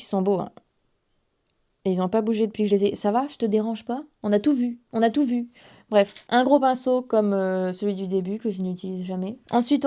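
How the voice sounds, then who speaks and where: A woman's voice: fairly high pitch, darkish tone. Young woman, 19, casual beauty vlogger, rambling and self-mocking. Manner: chatty, self-mocking asides. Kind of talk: casual makeup haul chat to camera.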